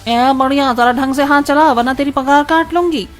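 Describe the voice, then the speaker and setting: Woman doing a loud bossy rich madam. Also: a little high, huge pitch swings, fairly quick, slightly rough, faint music behind, exaggerated voice. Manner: harsh, commanding. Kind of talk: animated story dialogue.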